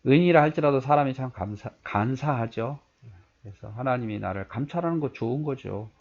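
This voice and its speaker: Gravelly-voiced man teaching scripture. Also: medium pitch, animated, fairly quick, darkish tone. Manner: conversational, asks listeners rhetorical questions. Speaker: pastor. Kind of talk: Bible teaching, reading and explaining verses. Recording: dull lo-fi recording.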